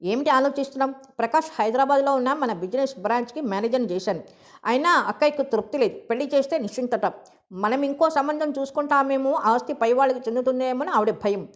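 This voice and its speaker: Woman reader as an easygoing rich father, high voice, muffled lo-fi audio. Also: fast talker, close to an everyday voice. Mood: explaining. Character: wealthy middle-aged father, indulgent and talkative.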